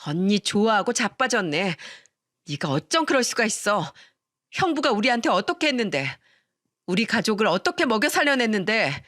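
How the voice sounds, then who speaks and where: A woman's voice: mid-range voice, very animated, moderate pace, a bit bright, dry recording, studio quality. A woman voicing an angry, loyal young woman who scolds her older sister sharply and hurls accusations. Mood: furious.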